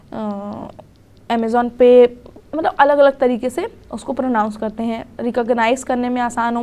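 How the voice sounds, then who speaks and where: A woman's voice: a little high, warm tone. Young woman teaching a recorded lecture. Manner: explains in Hindi, reads English definitions slowly, often adds "theek hai".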